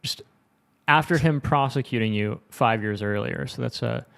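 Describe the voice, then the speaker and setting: A man co-hosting a news show, speaking in a relaxed, casual way with many fillers and reading quotes aloud. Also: medium pitch, normal speed, gravelly.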